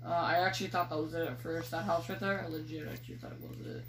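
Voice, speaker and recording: A woman's voice: low-pitched, fairly even intonation, quick pace. Rambling girl filming her game. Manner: rambling, teasing, swears casually. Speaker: gaming video creator. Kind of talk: casual gameplay commentary. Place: dark room at home. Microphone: phone filming a screen. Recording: echoey room with faint noise.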